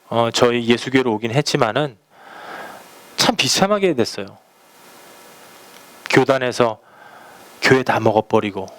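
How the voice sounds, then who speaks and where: A man's voice: mid-range voice, a bit bright. A man pastoring a church, preaching a sermon through personal stories told in a conversational way, acting out the phone calls he describes. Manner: conversational storytelling, acts out quoted phone calls.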